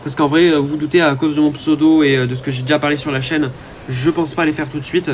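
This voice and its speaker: A man's voice: a little high, steady tone, fast talker, a little hiss or hum. Chatty man narrating his gameplay. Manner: chatty, hesitant, many "euh" fillers. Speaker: gaming YouTuber. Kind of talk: casual gameplay commentary.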